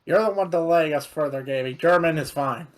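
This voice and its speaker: Male player, dry casual remarks, slightly high pitch. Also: fairly quick. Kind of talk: casual game chat.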